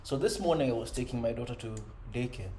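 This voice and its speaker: A man's voice: mid-range voice, lively intonation, fast talker, dark tone. Earnest father talking in an echoey room. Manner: earnest, conversational, frequent "you know" and "right?". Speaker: self-improvement vlogger. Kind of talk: reflective personal monologue. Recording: echoey room with faint ambient noise.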